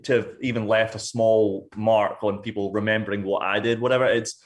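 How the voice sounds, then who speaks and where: Halting young man from Scotland. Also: lowish voice, steady tone. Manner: halting, many restarts and "like". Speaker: singer, guest. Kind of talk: casual interview.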